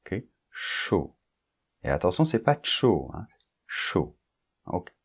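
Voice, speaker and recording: A man's voice: deep voice, sing-song, moderate pace, breathy edge. A man teaching French pronunciation, patiently repeating example words and often checking that the listener follows. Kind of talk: pronunciation lesson.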